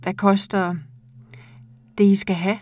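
A woman reading the hushed, hesitant lines of a shy, apologetic bearded man in a story. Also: high voice, flat delivery, natural voice.

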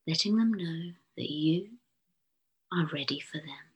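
A woman, a fertility therapist, speaking a whispered guided visualisation in a slow, soothing, hushed delivery. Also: sits low, breathy edge, muffled recording.

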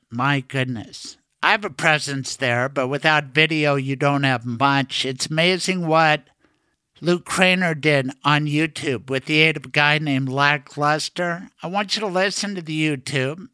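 A man's voice: on the high side, sharp tone, clean tone, dry recording. A man hosting a show, introducing an audio segment in a spoken podcast style. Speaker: show host.

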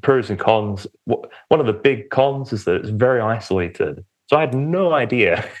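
A man's voice: medium pitch, expressive, normal speed. A young man, a church minister, telling his personal story conversationally as a podcast guest, hesitant and often correcting himself. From England, Romford in Essex on the edge of London. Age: young adult.

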